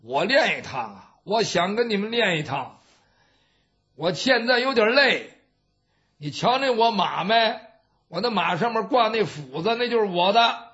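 A storyteller putting on a gruff brash old-style warrior, blunt and boastful, high lively voice swinging all over, on a dull lo-fi recording. he scoffs at everything. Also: unhurried, exaggerated voice. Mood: offhand. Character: blunt brash middle-aged male warrior.

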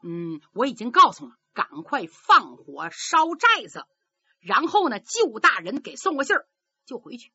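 A woman voicing a clever, careful male retainer who speaks in a hushed, reassuring way. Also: fairly high pitch, big pitch swings, unhurried, slightly rough, no echo, dull audio, exaggerated voice.

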